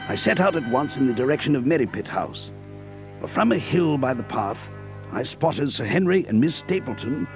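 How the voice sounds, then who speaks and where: An actor playing Dr. Watson, a dutiful and earnest English gentleman, formal in speech, in an audio drama. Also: mid-range voice, poor audio. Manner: earnest, formal, apologetic when flustered. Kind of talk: audio drama acting and first-person narration.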